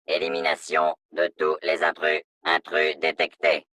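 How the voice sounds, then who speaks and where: An actor voicing a stern male security robot in a video game, through a robotic voice filter, in a flat, monotone, announcement-like delivery. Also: unhurried, no echo, clean studio sound. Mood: cold, commanding. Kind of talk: video game dub dialogue lines.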